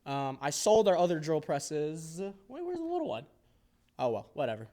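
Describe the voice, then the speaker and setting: In an indoor workshop, a man in his early twenties gives an off-the-cuff tour, rambling with jokes, self-deprecation and playful exaggeration. His voice is a little high and sing-song, mellow, at a moderate pace.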